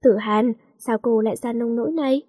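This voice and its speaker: A woman's voice: on the high side, brisk, dark tone, breathy edge. Woman reading as a jealous heartbroken young man. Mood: tender. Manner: pleading, then bitter.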